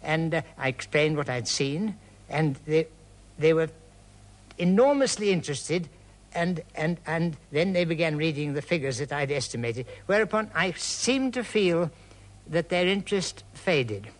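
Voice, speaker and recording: An older man recounting his experience as a pilot in an interview, in a conversational, halting way. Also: a little high, lively intonation. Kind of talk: archival interview recollection.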